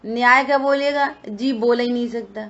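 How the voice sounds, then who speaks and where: A woman's voice: fairly high pitch, steady tone, moderate pace, fairly bright tone. A woman teaching a scripture study session, explaining points and answering her own questions. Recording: dull lo-fi recording.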